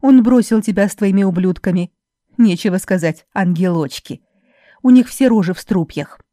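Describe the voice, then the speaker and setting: A woman voicing a spiteful young laundress who loudly taunts and mocks her rival in an audiobook. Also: normal speed, no room sound, clean studio sound, natural voice. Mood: jeering. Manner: loud, mocking, shrill taunting.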